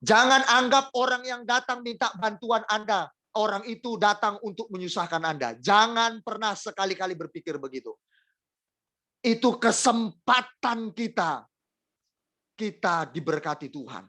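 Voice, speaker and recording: A man with a high-pitched voice preaches a sermon at a moderate pace, addressing the congregation directly. He repeats phrases for emphasis, his delivery swinging emotionally between loud and soft.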